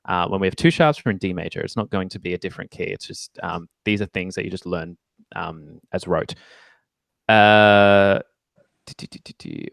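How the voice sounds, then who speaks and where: A man with a lowish, gravelly voice walks a student through music theory in a relaxed, chatty lesson. He explains with plenty of ums and okays and drifts into playful, self-teasing jokes. The sound is close and dry. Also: dry recording. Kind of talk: casual one-on-one lesson.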